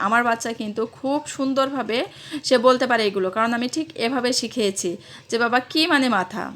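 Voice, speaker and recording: Mom vlogger, a bit high voice, explains it over and over, lots of ums. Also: female voice, a bit bright. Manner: repetitive, explanatory, with fillers and self-corrections. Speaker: parenting vlogger teaching English to children. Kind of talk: casual instructional talk to parents.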